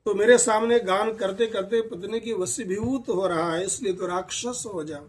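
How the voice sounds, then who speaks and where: A man's voice: high-pitched, moderate pace, close to an everyday voice. A man voicing a proud, wrathful serpent king in a storybook tale, speaking sternly. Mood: angry. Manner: stern, cursing.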